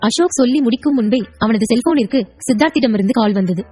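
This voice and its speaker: Female narrator, high voice, formal storytelling. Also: animated, fast talker, darkish tone, soft background music. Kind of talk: scripted audio story narration.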